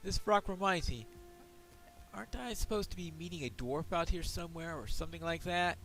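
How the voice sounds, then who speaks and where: A man's voice: on the high side, fairly quick, fairly bright tone, slight background noise. A man giving casual solo game commentary, musing aloud to himself with wry asides. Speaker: gameplay host and player.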